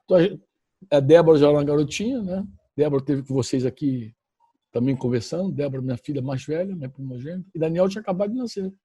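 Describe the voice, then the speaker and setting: With a fairly high, husky, dark-toned voice, a middle-aged Brazilian pastor tells his congregation a personal testimony, talking fast and expressively with no echo. His storytelling is emphatic and repetitive, and he frequently corrects himself.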